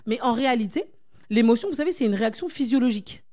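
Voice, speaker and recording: A woman's voice: on the high side, lively intonation, fast talker, dark tone. A woman speaking as a coach at a church conference, urging her listeners on with repeated phrases and questions to the audience. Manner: exhortative, repetitive emphasis.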